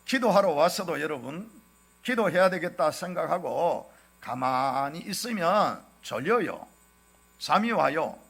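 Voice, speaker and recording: A middle-aged male pastor with a Gyeongsang accent preaches in a high, bright voice that swings widely in pitch. He presses his points with rhetorical question after rhetorical question to the congregation. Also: expressive, measured pace, gravelly, breathy edge. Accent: Gyeongsang Korean. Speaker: senior pastor. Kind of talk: sermon.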